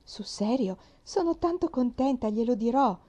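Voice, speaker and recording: A woman voicing a cheerful, eager little girl in a storybook reading, talking in an excited, pleading way. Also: a little high, normal speed, pitched above the performer's own voice, lightly acted. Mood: wistful.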